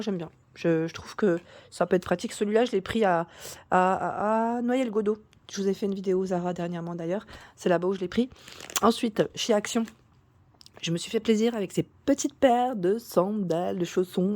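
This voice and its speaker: Woman, vlogger, casual shopping haul, chatty, many fillers and restarts, slightly hoarse cracking voice. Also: mid-range voice, darkish tone, dry recording. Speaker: YouTube vlogger.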